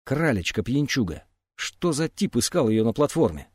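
A man's voice: medium pitch, very animated, normal speed, a little mellow, no room sound, studio quality, close to an everyday voice. A man reading an audiobook, voicing a stubborn, hot-tempered teenage boy who talks in a heated, defiant way. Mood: brooding.

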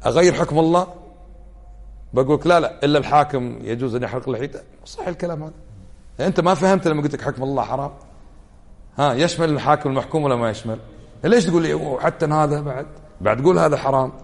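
A man's voice: mid-range voice, gravelly, darkish tone. A male Islamic scholar giving a religious lesson, arguing with rhetorical questions. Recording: long hall reverb.

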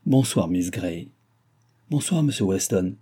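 A man's voice: sits low, animated, measured pace, dark tone, husky, exaggerated voice. A man reading an audiobook, voicing a modest, reserved young governess with polite, restrained speech.

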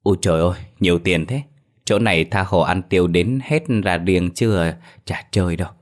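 A man voicing a greedy elderly healer who talks in a brisk, chiding way in a horror story. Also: low-pitched, close to an everyday voice. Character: greedy elderly male healer, quick and fussy.

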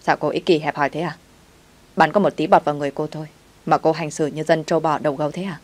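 Scolding male restaurant boss, low-voiced, read by a woman. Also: steady tone, fast, a little mellow. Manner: barking, scolding. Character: angry middle-aged male restaurant owner.

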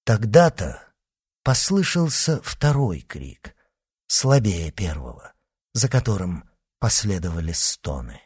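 Husky male narrator, slow and dramatic. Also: fairly low pitch, dry recording, studio quality. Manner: theatrical, expressive reading. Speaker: audiobook narrator. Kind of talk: dramatic reading of a classic novel.

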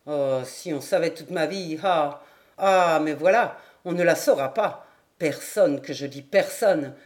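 A woman voicing a drunken, raging sailor with a raspy, slurred voice, for an audiobook. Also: fairly high pitch, unhurried, voice pushed down, natural voice. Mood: boastful. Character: drunken raging sailor back from abroad, boastful.

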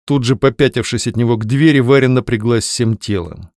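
A man narrates a novel as an audiobook in a measured, expressive voice. His pitch sits in an ordinary middle range, and the recording is dry and close, with no room sound. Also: no echo. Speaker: audiobook reader.

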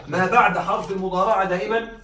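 A man's voice: sits high, steady tone, fast talker, sharp tone. A man teaching Arabic rhetoric in a classroom lecture, explaining step by step and asking his students questions. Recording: echoey room, mic at a distance.

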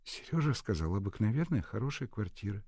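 A man's voice: fairly quick, no echo, clean studio sound. A man voicing an eager, earnest young woman in a read-aloud story, lifting his voice. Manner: raised pitch, lively.

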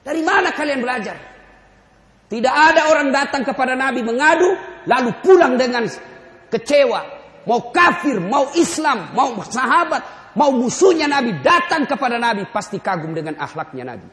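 A man preaching a lively sermon, firing rhetorical questions at the audience and joking. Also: very high voice, moderate pace. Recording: echoey hall reverb.

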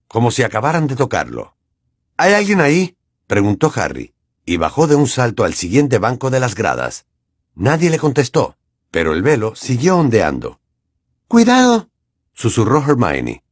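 Audiobook narrator, male, dramatic and expressive, dry studio sound. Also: medium pitch, husky, no echo. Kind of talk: scripted narration.

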